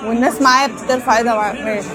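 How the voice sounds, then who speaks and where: Quick, high-pitched Egyptian woman reacting. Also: steady tone, crowd noise, background noise. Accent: Egyptian Arabic. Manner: exclaiming, teasing, laughs often. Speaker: anime YouTuber. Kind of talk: reaction commentary.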